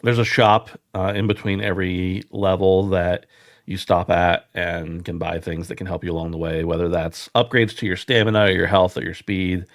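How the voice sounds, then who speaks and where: A man's voice: deep voice, level tone, moderate pace, dry recording, studio quality. A man hosting a casual gaming podcast, easygoing and chatty. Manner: easygoing, chatty, frequent restarts. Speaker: podcast host.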